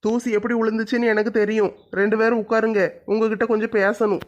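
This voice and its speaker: A village headman, voiced by a performer speaks firmly, scolding and reassuring in turn. His voice sits at a middle pitch, and the recording sounds dull and lo-fi. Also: little pitch movement, fast talker, natural voice. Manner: commanding, scolding then reassuring. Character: stern but kind village headman, older man.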